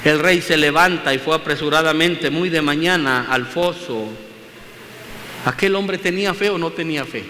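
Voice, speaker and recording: A man's voice: on the high side, moderate pace, bright, forceful tone. A man preaching a sermon in a church, speaking emphatically and repeating phrases as he addresses his listeners as brothers. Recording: long hall reverb, faint room noise.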